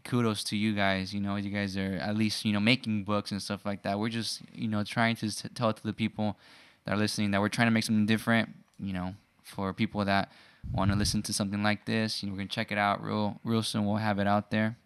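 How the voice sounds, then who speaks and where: A man's voice: on the low side, level tone, fast, a bit bright, clean tone. A man co-hosting a podcast, easygoing and encouraging in casual chat. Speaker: podcast co-host.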